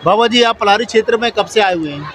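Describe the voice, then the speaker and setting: A man's voice: high voice, quick pace, a bit bright, some chatter behind. A man working as a TV reporter, politely interviewing a faith healer at an outdoor camp and prompting him with questions. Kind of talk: field interview. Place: outdoor camp among crowd. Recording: noisy crowded outdoor field recording.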